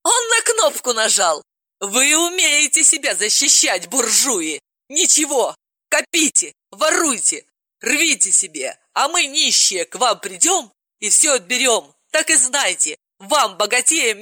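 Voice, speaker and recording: A woman voicing a shrill, spiteful young woman who shrieks threats in an audiobook. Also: big pitch swings, moderate pace, few pauses, bright, forceful tone, no room sound, heavily acted.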